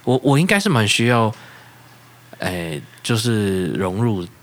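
A man with a Taiwanese accent in casual chat, halting and repeating words as he explains. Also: lowish voice, expressive.

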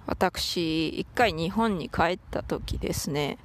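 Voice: mid-range voice, takes it slowly, slight background noise. A podcast host with a Toyama dialect accent chats casually and playfully, often using mock-formal phrasing, while out walking a dog. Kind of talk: casual solo podcast chat.

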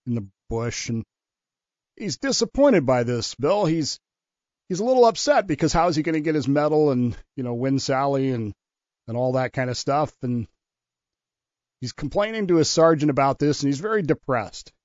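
A man's voice: medium pitch, animated, moderate pace, a little mellow, dry recording, highs cut off. A man telling stories and explaining history as a guest on a talk radio show. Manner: storytelling, explanatory.

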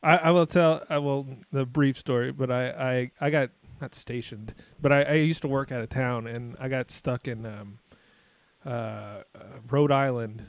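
A man's voice: medium pitch, steady tone, a little slow, no room sound. A man in his thirties hosting a podcast interview, who rambles and often stammers and repeats words. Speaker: podcast host. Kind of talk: casual interview chat.

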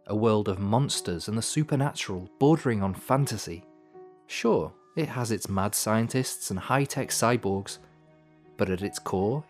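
A man hosting a podcast with scripted storytelling narration, in measured, dramatic phrasing with dry asides. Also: lowish voice. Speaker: podcast host. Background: music.

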